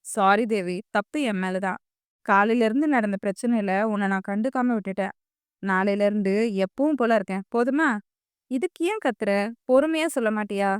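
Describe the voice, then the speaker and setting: A woman voicing a firm young man who scolds and then calmly reassures his girlfriend in an audiobook. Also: mid-range voice, moderate pace, clean tone, dry recording, studio quality, lightly acted. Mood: calming. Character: stern young man, impatient then soothing lover. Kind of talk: audiobook character voice.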